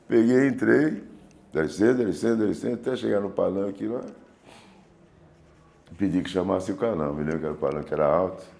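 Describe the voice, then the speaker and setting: A man's voice: deep voice, a little mellow. A man, telling his memories in an interview and acting out the voices of people in the story. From Brazil. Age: 70s.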